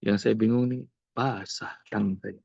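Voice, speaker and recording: Gravelly-voiced man telling a sermon story. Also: fairly low pitch, measured pace, dry recording, lo-fi sound. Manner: animated storytelling, acting out dialogue. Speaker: preacher.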